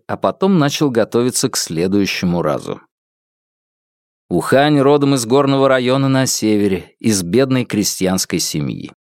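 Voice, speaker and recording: Expressive male audiobook narrator, dry sound. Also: mid-range voice, no room sound. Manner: expressive storytelling. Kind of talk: scripted narration.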